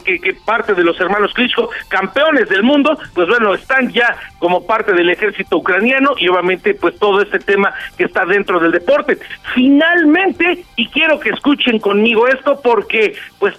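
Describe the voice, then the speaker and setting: A man with a Mexican accent giving an energetic, rapid sports rundown on a radio show. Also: high voice, lo-fi sound. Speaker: sports commentator. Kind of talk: sports news segment on radio.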